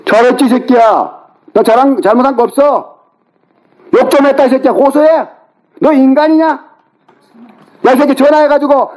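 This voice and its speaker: A middle-aged man on a phone call, angrily yelling, cursing and berating the other person. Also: very high-pitched. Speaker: older brother on a phone call. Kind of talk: heated phone argument. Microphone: phone call recording.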